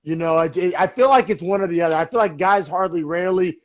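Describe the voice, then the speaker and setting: A man's voice: high voice, fast, lo-fi sound. A young man co-hosting a sports podcast, talking in a loose, rambling way with lots of fillers. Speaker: podcast co-host. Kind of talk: casual sports chat.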